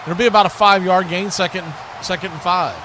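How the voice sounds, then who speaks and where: Calling football play-by-play on his livestream, a man talks briskly in a steady tone, his voice sitting high, and chats casually with viewers. There's noise behind him.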